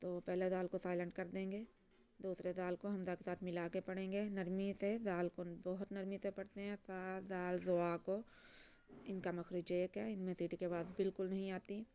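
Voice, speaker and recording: A woman teaching Quran reading, chanting letters and syllables slowly, then explaining the rules in quick soft asides. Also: fairly low pitch, flat delivery, a little hiss or hum.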